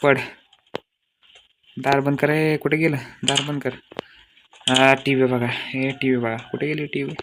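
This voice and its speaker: Gravelly excitable gameplay commentator, man. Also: medium pitch, measured pace, long pauses, noisy background. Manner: excitable, crude comic scolding.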